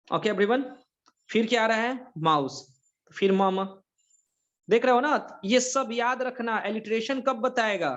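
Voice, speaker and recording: With the highs cut off, this recording features a man's high voice and Indian accent as he teaches English grammar online. He mixes Hindi into his English and keeps checking whether the class is keeping up.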